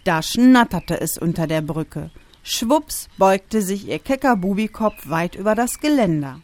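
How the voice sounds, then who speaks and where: A woman reading a children's story aloud with expressive storytelling. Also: mid-range voice, unhurried. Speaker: narrator.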